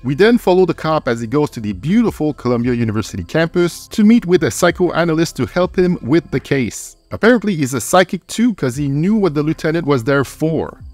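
A man's voice: fairly high pitch, sing-song, brisk, few pauses, a little mellow, no echo. A man giving a scripted film review as host, with wry, slangy, crude humour, close on the microphone. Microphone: close microphone, voice-over. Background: faint music.

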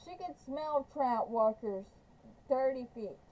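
A woman reading a novel aloud, halting and often stumbling and correcting herself. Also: high voice, lively intonation, warm tone, poor audio. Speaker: audiobook reader.

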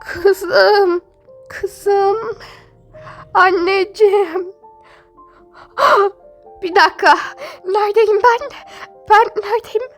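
A woman's voice: extremely slow, pauses often, faint music behind, heavily acted. Woman playing a tearful young mother. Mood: frantic crying. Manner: high, tearful, pleading. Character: poor young mother giving birth, tearful. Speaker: Toca Life role-play voice actor.

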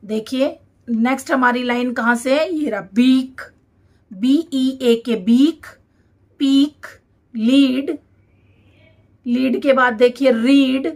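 A woman teacher, reading English words one by one for a dictation lesson and repeating each one clearly. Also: high-pitched, darkish tone. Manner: reads each word slowly and repeats it.

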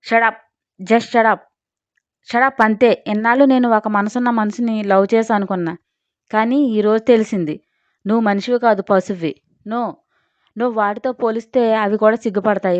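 Defiant young college woman, sharp and reproachful, voiced by a storyteller; dry, muffled sound. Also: fairly high pitch, dry recording, close to an everyday voice. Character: spirited young female college student, hurt and defiant. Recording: dry, slightly dull recording.

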